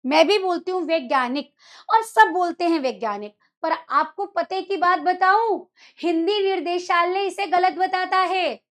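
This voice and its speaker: A woman's voice: very high voice, fairly bright tone. A young woman teaching a Hindi lesson to school students in a chatty, teasing way, often scolding them fondly as children. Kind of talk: online exam-prep lecture.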